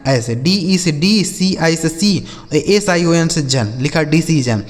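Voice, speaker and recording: A man with a Hindi accent teaching English spelling, spelling out letters slowly and asking questions that he answers himself. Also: fairly high pitch, lively intonation, big-room sound, faint music behind. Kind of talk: spelling lesson.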